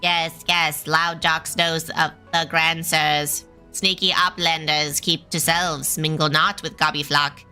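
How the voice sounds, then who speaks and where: A sly game goblin voiced by a woman, guarded and curt, with a low-set, clean voice. The speech comes in clipped, broken phrases over music. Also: level tone, slow, few pauses, sharp tone, clear, resonant tone, heavily acted.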